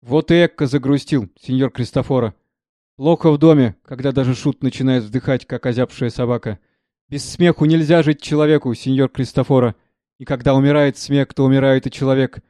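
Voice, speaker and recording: A man's voice: medium pitch, steady tone, a little fast, mellow, no room sound, clean studio sound, natural voice. A man reading aloud, voicing a stout, bossy male steward who barks orders at the servants. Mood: lamenting. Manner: barking orders.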